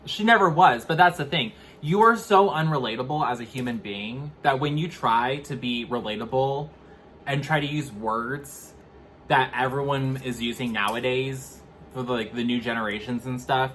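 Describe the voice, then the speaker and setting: A man in a casual review chat, his voice sitting at an ordinary middle pitch. He talks in a halting, candid way and keeps circling back to restart a thought. A faint hiss of room noise sits under him. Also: pushed and bright. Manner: hesitant, restarts often, candid and opinionated. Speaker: co-host music reviewer.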